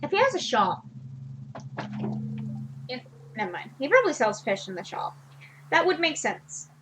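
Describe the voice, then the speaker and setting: A woman's voice: high-pitched, wildly swooping pitch, moderate pace, a bit bright, slight background noise. A woman streamer giving casual, self-deprecating commentary while playing a farming game. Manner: chatty, self-deprecating, laughs at herself.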